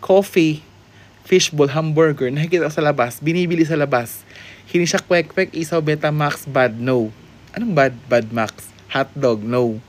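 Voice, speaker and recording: A man from the Philippines hosting a live-stream guessing game, playful and sassy, greeting viewers and teasing answers with sudden high exclamations. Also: steady tone, moderate pace. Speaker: livestream host.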